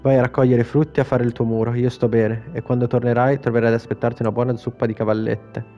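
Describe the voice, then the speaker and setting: A man's voice: medium pitch, flat delivery, fast talker, mellow, dull audio, soft background music, close to an everyday voice. A man reading the lines of a frail, teasing old grandmother from a video game, in his own plain voice.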